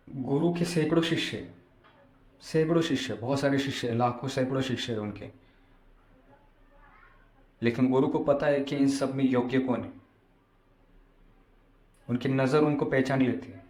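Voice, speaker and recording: A man's voice: mid-range voice, a little mellow. A man giving a devotional discourse as a spiritual storyteller, explaining and repeating phrases for emphasis. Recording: echoey room sound.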